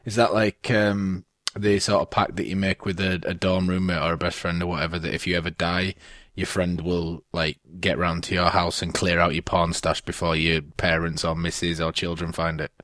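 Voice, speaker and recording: Low-voiced sardonic man. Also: level tone, moderate pace, a bit bright, no room sound, studio quality. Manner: sardonic, swearing, frequent fillers. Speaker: podcast co-host. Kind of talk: casual podcast chat.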